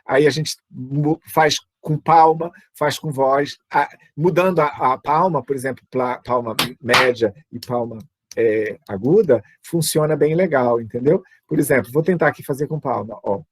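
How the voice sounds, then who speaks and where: A man's voice: medium pitch, moderate pace, heavy background noise. A Brazilian Portuguese-speaking man teaching music over a video call, chatty and full of asides. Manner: chatty, lots of fillers and asides. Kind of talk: online teaching talk.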